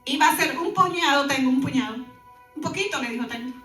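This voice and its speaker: A woman pastor giving an animated sermon, breaking in with lively asides to the congregation. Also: sits high, fast talker, reverberant, distant mic, faint music behind.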